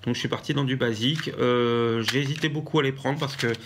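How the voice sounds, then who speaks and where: A man from France with a French accent, chatting casually in a craft haul vlog and pausing often with fillers and restarts. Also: mid-range voice, steady tone, background noise. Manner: hesitant, many fillers and restarts. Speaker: vlogger.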